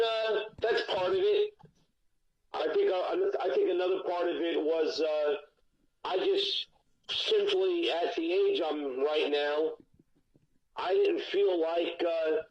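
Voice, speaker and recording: A man calling in as a guest musician, talking bluntly and candidly with frequent restarts, heard over a speakerphone line. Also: high-pitched. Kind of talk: candid phone-in interview. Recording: dull lo-fi phone line.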